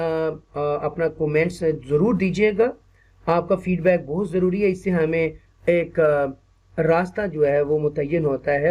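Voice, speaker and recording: A man with a Pakistani accent giving an online teacher-training lecture, patiently repeating words slowly and checking in often with his listeners. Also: on the high side, muffled recording. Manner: mixes English phrases into speech, asks "ठीक है ना" often.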